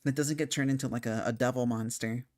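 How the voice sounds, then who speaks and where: A young man chatting casually about a video game, thinking out loud as he goes. He rambles, trails off and restarts his sentences, with a hiccup slipping in here and there. His voice sits at an everyday middle pitch for a man. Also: steady tone, fast talker. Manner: rambling, frequent fillers and restarts, thinking aloud. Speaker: game commentator. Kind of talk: casual spoken game discussion.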